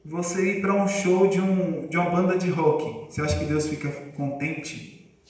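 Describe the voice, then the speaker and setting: A man's voice: high-pitched, fairly even intonation, normal speed, a little mellow. A male preacher giving a conversational sermon, quizzing his congregation. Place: church congregation hall. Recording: echoey room, voice far from mic.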